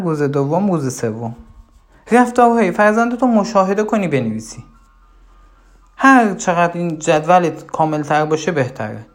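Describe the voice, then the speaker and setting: Brief: instructive parenting coach, mid-pitched voice, blunt rhetorical questions, soft music underneath. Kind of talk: recorded course lesson.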